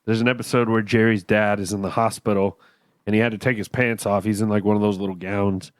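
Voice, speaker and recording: A man's voice: on the low side, fairly even intonation, fast talker, no room sound, clean studio sound. A man co-hosting a whiskey podcast with a cough and stuffy nose, chatting and telling rambling jokes. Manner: joking, rambling storyteller. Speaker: podcast co-host. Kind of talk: casual chat and whiskey review.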